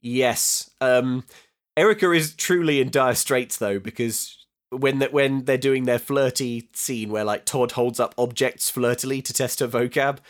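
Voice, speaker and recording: Casting: male podcast co-host, mid pitch, easygoing comedic recap, quips freely. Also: fairly even intonation, a little slow. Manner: joking, acts out characters in lines. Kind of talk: casual comedic film recap.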